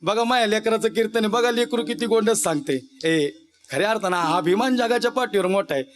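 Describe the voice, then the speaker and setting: High-voiced male kirtan preacher. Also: a little fast. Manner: emotional, rustic, addresses the audience directly. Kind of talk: devotional kirtan sermon.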